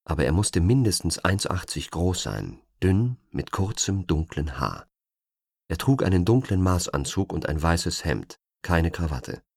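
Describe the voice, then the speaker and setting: A man reading an audiobook thriller with expressive, suspenseful narration. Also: low voice, unhurried, vocal fry, breathy edge, no room sound, clean studio sound. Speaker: audiobook reader.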